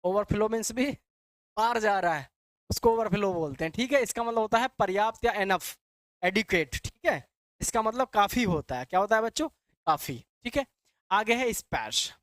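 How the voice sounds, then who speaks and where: A man's voice: high voice, normal speed, fairly bright tone, no room sound. Guy teaching vocab, keeps repeating and asking the class, dry close sound. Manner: repetitive, quizzing students with call-and-answer; addresses students as "beta" and "bachche". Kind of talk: Hindi classroom lecture.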